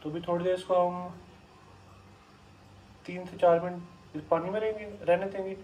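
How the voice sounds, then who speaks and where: A man's voice: high voice, steady tone, normal speed, dark tone, highs cut off, a little hiss or hum. A man talking through a home cooking recipe step by step. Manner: plain step-by-step explaining. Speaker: cooking channel host. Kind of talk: cooking tutorial voice-over.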